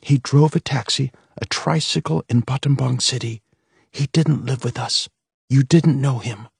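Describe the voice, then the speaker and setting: Voicing a scared but firm mother who harshly drills her children and whispers urgent warnings, a man raises his pitch above his own natural voice. His delivery is medium-pitched, expressive and unhurried, slightly mellow and husky, captured dry at studio quality.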